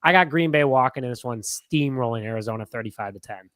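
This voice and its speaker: A man's voice: mid-range voice, quick pace, fairly bright tone, dry recording, studio quality. Confident male football panelist. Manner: casual, confident predictions. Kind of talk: sports talk roundtable.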